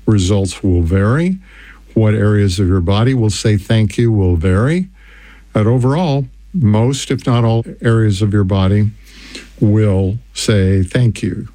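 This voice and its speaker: An older man hosting a radio health show, reading customer testimonials and repeating a toll-free number in an earnest sales pitch. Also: mellow, no room sound.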